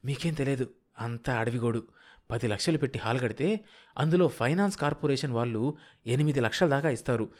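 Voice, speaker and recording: A man voicing a sharp-tongued, scheming middle-aged wife who scolds her husband. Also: medium pitch, fairly quick, close to an everyday voice. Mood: scolding. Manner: bossy, impatient, scolding.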